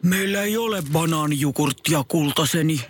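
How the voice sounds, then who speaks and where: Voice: medium pitch, a little hiss or hum, natural voice. A performer voicing an anxious, indulgent father in a comic radio story, soothing and easily flustered.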